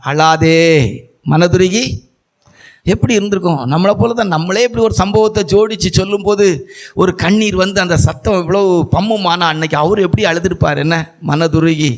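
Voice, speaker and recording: A male pastor with a Nagercoil Tamil accent preaches with fervour, scattering hallelujahs and building to full-throated cries. His voice sits high for a man. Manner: fervent preaching that climbs to shouting; repeated hallelujahs. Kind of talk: Tamil sermon.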